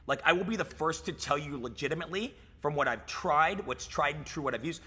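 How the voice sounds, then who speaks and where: A man's voice: fairly high pitch, a little fast, bright, forceful tone, slightly rough. A man in his thirties, a fitness coach talking in a casual podcast chat, hyped and swearing, saying "dude" and "like" a lot, recorded in a gym lounge. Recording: reverberant gym room.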